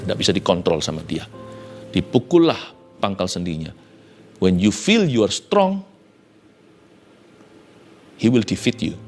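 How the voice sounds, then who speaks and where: A male pastor preaching in Indonesian with English phrases mixed in, telling the story dramatically and swinging between loud and hushed. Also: sits low. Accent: Indonesian, mixes in English phrases. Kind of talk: sermon.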